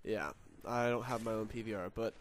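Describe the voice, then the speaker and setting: A man's voice: lowish voice, steady tone, fairly quick. A young man with a nasal voice from a cold, rambling casually over game footage with lots of fillers and swearing. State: sick, nasal. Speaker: gaming commentator. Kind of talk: casual gameplay commentary. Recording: noisy with game gunfire behind. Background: game gunfire.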